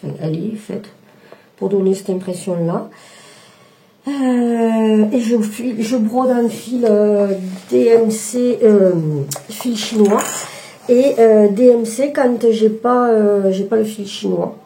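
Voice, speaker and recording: A woman's voice: fairly high pitch, steady tone, takes it slowly, gravelly, dark tone. A woman casually showing her cross-stitch projects, talking with many hesitations and restarts. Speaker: embroidery vlogger. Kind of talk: casual show-and-tell chat.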